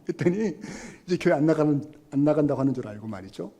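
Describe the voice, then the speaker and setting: A man's voice: a little high, expressive, quick pace, mellow. A male pastor preaching a sermon, telling a story and acting out its voices.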